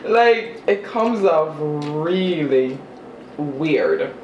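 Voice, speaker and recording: An unhurried vlogger chats in a self-deprecating way while eating, with chewing sounds and hums between remarks. The voice sits at a middle pitch. The recording is roomy, with faint ambient noise behind it. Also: expressive, darkish tone, dull audio. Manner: eats while talking, with chewing and mm-hmm sounds. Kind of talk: casual eating vlog chat.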